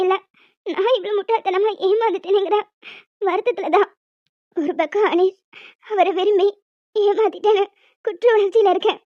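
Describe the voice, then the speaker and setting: A woman voicing a gentle young pregnant wife in a cartoon, who speaks softly and earnestly. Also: very high voice, dry recording. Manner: soft, earnest, sweet. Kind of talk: Tamil cartoon voice acting. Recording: dull lo-fi sound.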